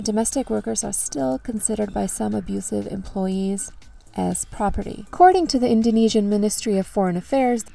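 A woman's voice: mid-range voice, vocal fry, warm tone. A woman narrator reading a scripted news report, recorded a little away from the microphone. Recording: slightly distant mic. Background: faint music.

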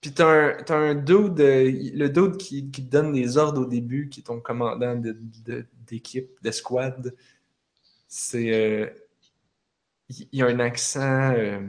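Man, Quebec French accent, casual chat, rambling storyteller, mid-pitched voice. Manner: rambling storytelling with frequent fillers. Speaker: gamer recounting a video game.

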